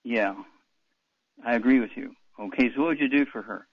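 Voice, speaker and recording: A man's voice: mid-range voice, a little fast, breathy edge, no room sound, lo-fi sound. A man hosting a call-in radio advice show, blunt and dismissive, often interrupting callers. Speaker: radio talk show host.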